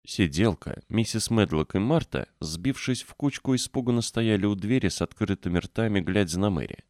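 Man, audiobook narration, very low voice, dry close sound, expressive. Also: moderate pace, no room sound. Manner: expressive storytelling. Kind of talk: scripted narration.

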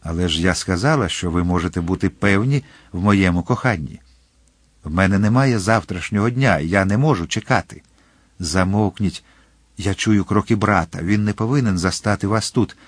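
A man's voice: low-pitched, moderate pace, dry recording. A man reading an audiobook and voicing a cunning, cold young noblewoman with a raised, coaxing voice. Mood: scheming.

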